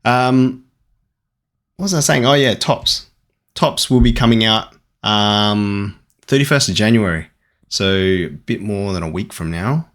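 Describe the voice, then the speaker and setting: An Australian man chatting casually while opening trading card packs, rambling and getting excited at good pulls. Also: lowish voice, unhurried. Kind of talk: casual unboxing commentary.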